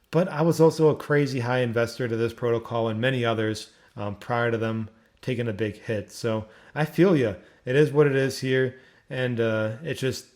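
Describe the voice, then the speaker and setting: A young man from Philadelphia with a Philly accent hosts a casual online community Q&A, rambling with restarts and fillers. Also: medium pitch. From Philadelphia, Pennsylvania. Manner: rambling, repeats words, lots of fillers. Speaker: community AMA host. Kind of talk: casual community livestream talk.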